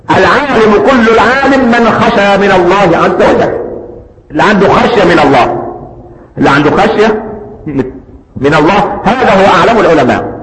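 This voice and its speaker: A male preacher with an Egyptian accent delivers a sermon at a quick clip, his voice sitting a little high. He often asks questions and then answers them himself. The sound is recorded in a large hall, with a long, echoing reverb and faint noise in the background. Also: a bit bright. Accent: Egyptian Arabic.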